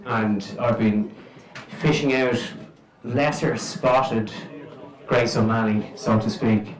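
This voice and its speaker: A man's voice: mid-range voice, fairly even intonation, takes it slowly. Lilting Irish male storyteller in an echoey room. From Ireland. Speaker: storyteller and folklorist. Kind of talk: live comic storytelling to an audience. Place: indoor live venue with an audience. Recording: echoey room with crowd noise.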